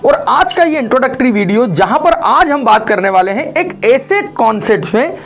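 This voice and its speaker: A man's voice: extremely high pitch, very animated, moderate pace. A man in his forties teaching a programming lecture, mixing Hindi and English and asking rhetorical questions. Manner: mixes Hindi and English, with frequent rhetorical questions and "right?" check-ins. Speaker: programming instructor.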